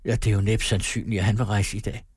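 A troubled husband speaking in a flat, toneless way, voiced by the male narrator. The voice sits low and husky, recorded dry and close. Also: dry recording. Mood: strained.

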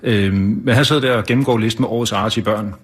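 A male author talking about his Christmas story in an interview, speaking haltingly with many fillers and restarts. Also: on the low side, breathy edge. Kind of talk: casual interview talk and reading aloud.

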